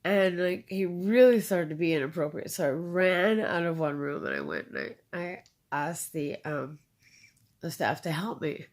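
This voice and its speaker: Woman with a gravelly, lowish voice. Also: sing-song. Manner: repeats phrases for emphasis, halting with fillers. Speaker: interviewee. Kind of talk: personal storytelling in conversation.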